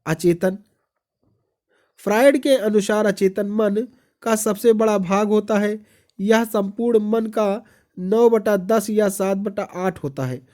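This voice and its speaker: A teacher reading exam-prep notes aloud, repeating each point as a question and then answering it. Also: male voice, high voice, slow, a little mellow.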